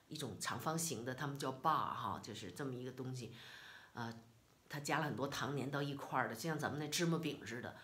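Low-voiced woman telling a lively story. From China. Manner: animated, indignant retelling with quoted dialogue. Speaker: vlogger. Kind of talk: casual storytelling monologue.

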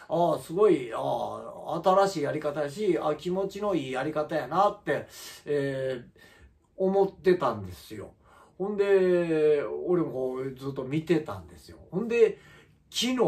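A man with a Kansai accent rants on his own channel, heated and indignant, stopping often on fillers. His voice sits a little high and swings widely in pitch. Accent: Kansai Japanese. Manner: indignant, heated, talks in bursts with many fillers. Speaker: comedian and channel host. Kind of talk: solo vlog rant.

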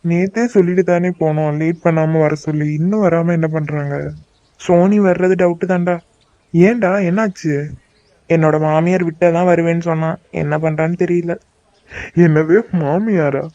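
A man's voice: fairly high pitch, fairly even intonation, moderate pace, warm tone, no room sound, dull audio, natural voice. A man voicing a young man bantering with a friend in a cartoon. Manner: banter, joking. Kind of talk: cartoon dubbing.

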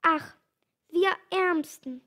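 Scared storybook piglet, read by a woman, high and wailing, slow. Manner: wailing, drawn-out complaint. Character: small frightened male piglet.

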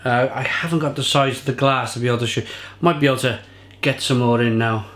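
A man in his thirties reviews a beer to camera from his home kitchen bar indoors, with shelves of bottles behind him, in a casual and enthusiastic manner. He talks fast in a mid-range, slightly bright voice with fairly even intonation, and the sound is roomy. He gestures a lot as he describes flavours.

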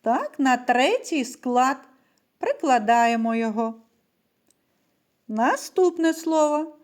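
A woman teacher giving a literacy lesson to young children, stretching out words slowly and clearly so they can repeat after her. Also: sits high, animated. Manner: slow, carefully stressed words for children to repeat. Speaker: primary school teacher.

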